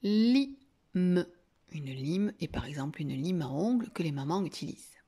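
A woman teacher giving a reading lesson to young children, slowly sounding out syllables and words. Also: low voice, dark tone, breathy edge. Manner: slow, drawn-out sounding of syllables.

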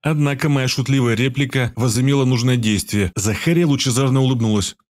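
A man narrating a first-person audiobook in a steady, even storytelling voice. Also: medium pitch, brisk.

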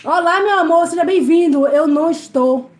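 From the service area of her home, a woman from Brazil cleans while chatting on a casual live stream, greeting viewers by name and reading their comments. Her voice is very high-pitched and her speed is normal. Echoey room, faint noise.

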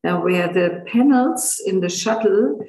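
A man lecturing on radar imaging in a halting, informal way, full of fillers and restarts, his voice tired. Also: high voice, expressive, darkish tone, reverberant, a little hiss or hum, low-quality recording. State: tired voice, throat clearing. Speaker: university lecturer.

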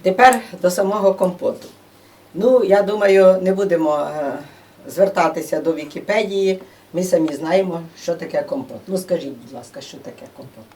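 Her voice sits on the low side with a dark tone, moving at normal speed. She's a presenter at a museum gathering, chatting informally to an audience in a museum room and explaining things with plenty of fillers. The sound comes from a distant room microphone.

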